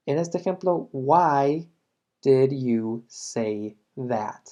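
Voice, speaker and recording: Man, Midwestern American accent, English teacher, unhurried delivery, mellow tone, repeats examples. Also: medium pitch. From Michigan, United States. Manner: slow, deliberate, repeats examples. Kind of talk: language lesson explanation.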